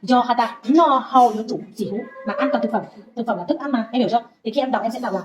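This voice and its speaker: A woman teaching Vietnamese, patiently saying sounds slowly for her student to repeat. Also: fairly high pitch. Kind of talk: pronunciation drill lesson. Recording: dull lo-fi recording.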